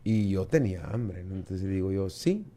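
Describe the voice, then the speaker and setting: An interview guest with a Guatemalan Spanish accent gives a lively personal testimony, acting out dialogue and often repeating words. His voice sits low and he speaks at a moderate pace.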